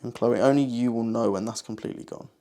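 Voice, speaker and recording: Slow, soothing male hypnotist. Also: mid-range voice, fairly even intonation, mellow. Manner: slow soothing hypnotist delivery, repetitive, with pauses. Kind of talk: hypnotic induction, guided relaxation.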